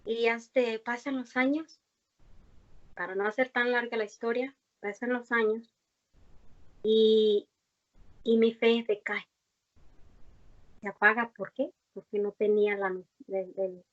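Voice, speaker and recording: A young woman gives a heartfelt personal faith testimony in conversation, earnest and rambling, with many fillers and restarts. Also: medium pitch. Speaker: guest giving a faith testimony. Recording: dull lo-fi recording.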